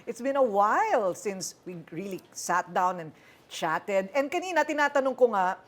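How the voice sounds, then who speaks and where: A woman's voice: mid-range voice, lively intonation, moderate pace. A woman hosting a casual interview, teasing her guest and laughing often. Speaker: talk show host. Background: background music.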